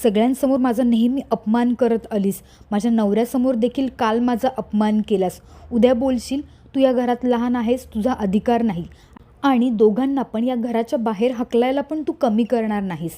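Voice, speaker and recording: A woman's voice: fairly high pitch, normal speed, dark tone, natural voice. A woman reading the lines of a scheming, quarrelsome young daughter-in-law in her own narrating voice. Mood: accusing.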